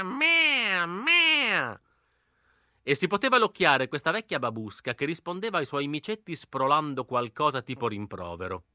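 Bright-voiced male audiobook narrator. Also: medium pitch, no room sound, clean studio sound. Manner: smooth storytelling full of invented slang. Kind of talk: novel narration in first person.

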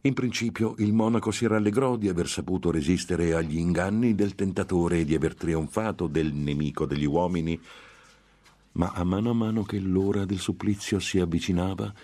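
A man's voice: deep voice, steady tone, normal speed, dark tone. A man narrating a gothic tale in a grave, dramatic audiobook reading.

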